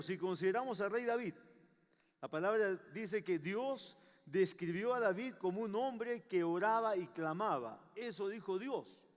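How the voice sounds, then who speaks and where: A male pastor preaching a sermon in a church, driving his points home with repeated rhetorical questions. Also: high voice. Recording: long hall reverb.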